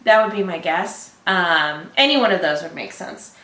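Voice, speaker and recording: A woman's voice: fairly low pitch, animated, normal speed, bright, forceful tone, reverberant. A woman co-hosting a reaction show, chatting casually and laughing often. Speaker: reaction channel co-host. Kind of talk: casual chat.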